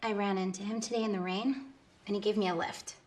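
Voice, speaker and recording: An actress playing a pampered, romantic young woman who talks in a soft, earnest, confiding way. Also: medium pitch, fairly even intonation, quick pace, natural voice. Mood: eager. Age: young adult. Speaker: actor in a film scene. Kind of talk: naturalistic film acting.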